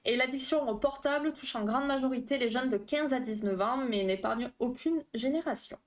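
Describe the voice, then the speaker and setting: A woman's voice: high-pitched, moderate pace. A woman therapist hosting a live stream, explaining phobias in a chatty, casual way with many fillers and asides to her chat.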